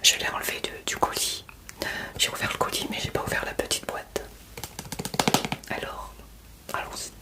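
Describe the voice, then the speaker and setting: Softly whispering woman, halting unboxing. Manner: soft, halting whisper with many fillers; gushing over a subscription box unboxing. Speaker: ASMR creator. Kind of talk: whispered role-play.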